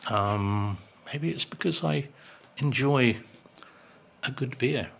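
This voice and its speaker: Slow, bright-voiced man in his sixties. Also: mid-range voice, creaky, slight background noise. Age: 60s. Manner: rambling and wry, with many ums. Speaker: vlogger. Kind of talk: casual chat to camera.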